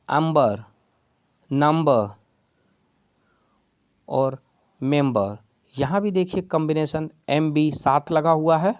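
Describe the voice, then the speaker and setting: A man's voice: a little high, a little mellow, clear, resonant tone, no echo. A man teaching spelling rules patiently, step by step, calling his viewers friends. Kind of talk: explaining a lesson in Hindi.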